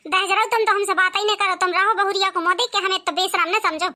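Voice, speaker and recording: A woman's voice: very high-pitched, fairly even intonation, fast, pushed and bright. A woman voicing a quarrelsome, plump old village mother-in-law in a cartoon comedy, scolding and sulky. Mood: aggrieved.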